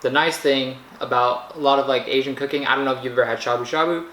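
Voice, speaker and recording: A man narrating a casual food vlog in a rambling, halting way, often searching for words. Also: mid-range voice, steady tone, a bit bright. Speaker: food vlogger. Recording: echoey room with faint background noise.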